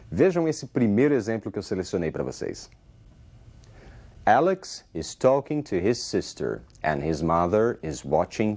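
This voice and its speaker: A man with a Brazilian Portuguese accent teaches a recorded English lesson. His voice sits low, but it swings widely up and down as he reads example sentences aloud. He explains each point slowly and patiently. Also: darkish tone.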